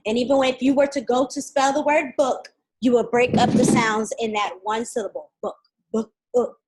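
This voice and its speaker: A woman's voice: on the high side, steady tone, darkish tone, slight background noise, rough recording. Patient kindergarten teacher woman. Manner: patient, slow and clear with small children. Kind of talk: live online lesson.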